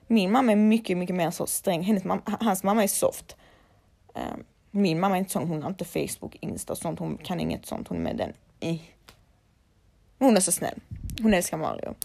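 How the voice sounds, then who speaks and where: A woman's voice: lowish voice, gravelly, darkish tone. A young woman, a laser hair removal technician, chatting casually and bluntly to her followers and swearing freely.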